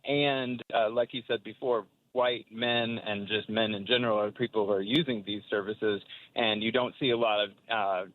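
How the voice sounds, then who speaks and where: A man calling in to a radio show over the phone, asking a question with many fillers and hesitant restarts. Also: mid-range voice. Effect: heard over the phone. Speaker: radio call-in listener. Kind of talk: call-in comment and question. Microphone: telephone. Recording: tinny phone line.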